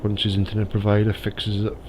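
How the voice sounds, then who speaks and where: A gaming YouTuber with a slightly stuffy nose from a cold chats casually and thinks aloud while playing a driving game. His voice is lowish and monotone, and he talks briskly. Background noise can be heard.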